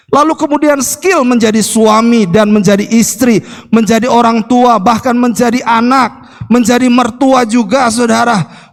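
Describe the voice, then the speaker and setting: High, gravelly male pastor in a hall. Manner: lively, acts out family quotes, repeats "saudara yang kasih Tuhan". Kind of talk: sermon. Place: church hall. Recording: echoey church hall reverb.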